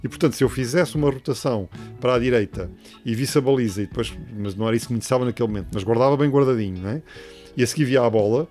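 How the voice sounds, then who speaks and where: A man's voice: mid-range voice, racing, darkish tone, soft background music. A middle-aged man with a European Portuguese accent explains things step by step in an interview, hesitating and adding tag questions. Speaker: robotics professor, interviewee.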